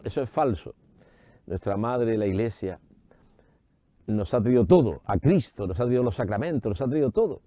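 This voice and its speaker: A priest giving an animated radio sermon, raising his voice for emphasis and voicing imagined doubters higher. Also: no room sound, dull audio. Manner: animated preaching with rising emphasis. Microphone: studio microphone.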